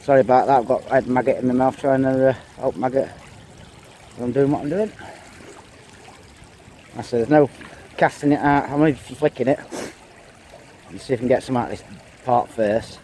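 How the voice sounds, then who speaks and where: Wading a river on a windy bank, an English fishing vlogger keeps up casual commentary and tallies each catch out loud. His warm, mid-range voice moves at normal speed with long pauses, over the sound of wind and running water.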